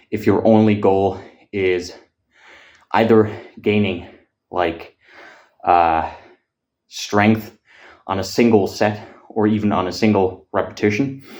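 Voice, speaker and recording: A fitness vlogger talking casually between gym sets. He is out of breath and speaks haltingly, with frequent filler pauses and casual swearing. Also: low-pitched, darkish tone.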